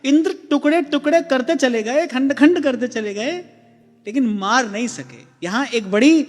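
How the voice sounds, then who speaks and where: A man with a very high voice gives a slow, gentle devotional talk and keeps turning to his listeners with questions. His voice carries a long hall echo, with soft music playing behind it. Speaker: spiritual discourse speaker. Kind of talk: devotional discourse.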